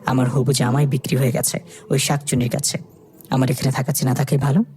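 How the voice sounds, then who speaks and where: A narrator voicing a hot-tempered, theatrical young woman, huffy and quick to bicker. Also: mid-range voice, little pitch movement, a little mellow, soft background music, pitched below the performer's own voice, lightly acted.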